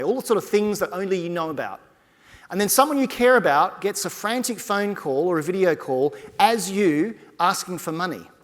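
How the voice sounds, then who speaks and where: Man giving a lively conference keynote. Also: a little high. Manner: energetic, conversational, direct address to audience. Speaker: keynote speaker, futurist. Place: large conference hall stage. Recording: long hall reverb from a conference stage.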